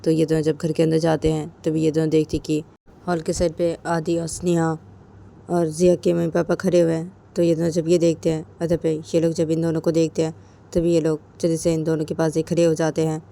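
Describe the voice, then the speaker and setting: A woman's voice: sits low, monotone, brisk, creaky, dark tone. A woman narrating a romance story in a plain, repetitive storytelling way.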